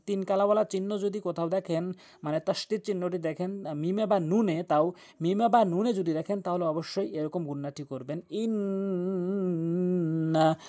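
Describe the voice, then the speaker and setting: A man's voice: sits high, warm tone. A man teaching Quran recitation in an emphatic, insistent way, spelling words out sound by sound with frequent "ah" fillers. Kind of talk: lesson.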